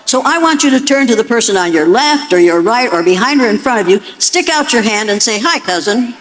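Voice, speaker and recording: A woman's voice: fairly high pitch, lively intonation, fairly quick, a little hiss or hum, rough recording. Blunt, commanding older American woman lecturing. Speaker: educator and public speaker. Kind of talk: lecture to an audience.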